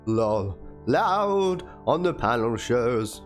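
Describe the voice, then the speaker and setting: This mid-range male voice is very animated and stretches out its words. The man performs a theatrical, dramatic reading of a written document and some chat messages while instrumental music plays beneath him.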